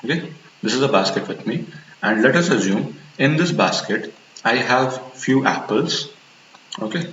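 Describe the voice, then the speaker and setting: A man with a fairly low voice lectures in a classroom style, asking himself rhetorical questions and repeating key points. The recording is dull and lo-fi with a faint hiss, and the room echoes. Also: fairly bright tone. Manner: explains step by step with rhetorical questions and repetition. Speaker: instructor.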